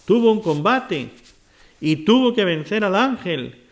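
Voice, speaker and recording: A man's voice: sits high, expressive, measured pace. A man preaching a sermon, retelling scripture stories and asking his listeners rhetorical questions.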